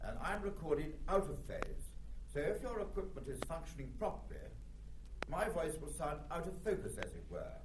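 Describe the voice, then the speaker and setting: A man presenting a stereo test recording in a measured, precise way, his voice recorded out of phase so that it sounds diffuse, hollow and hard to place. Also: a little high, very animated, background noise. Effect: recorded out of phase, diffuse hollow sound that cannot be placed. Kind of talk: scripted demonstration narration.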